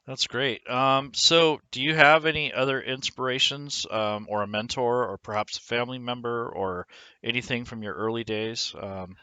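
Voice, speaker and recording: A man's voice: mid-range voice, steady tone, normal speed, sharp tone, smooth, no room sound. A man hosting an online interview, friendly and hesitant, with frequent ums while he asks questions. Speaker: host.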